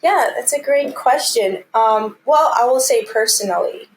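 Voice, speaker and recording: As a guest in an interview, this commercial real estate team lead from Armenia, a woman in her thirties, answers in an earnest, encouraging, conversational way. Her voice is a little high and her pace measured. The rough recording has some hiss or hum.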